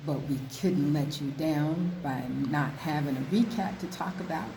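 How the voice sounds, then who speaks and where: Low, mellow woman co-host on a balcony. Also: moderate pace. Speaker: podcast co-host. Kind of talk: conversational TV recap. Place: outdoor balcony by the sea. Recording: slight echo on balcony, background noise. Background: waves, ambient noise.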